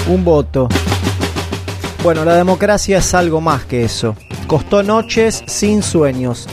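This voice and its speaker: Guy narrating a radio news piece, kinda high voice, soft music under it. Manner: reflective, rhetorical questions. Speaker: radio reporter.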